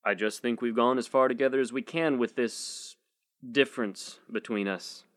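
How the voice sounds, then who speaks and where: A man's voice: medium pitch, normal speed, close to an everyday voice. A man voicing an earnest, preachy young activist. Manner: earnest, lecturing. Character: earnest young male activist, devout, self-righteous.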